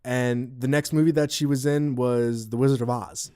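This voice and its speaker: A man's voice: medium pitch, fairly even intonation, moderate pace, mellow, clear, resonant tone. A man co-hosting a casual podcast, telling stories in a rambling way with many restarts and fillers. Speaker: podcast co-host.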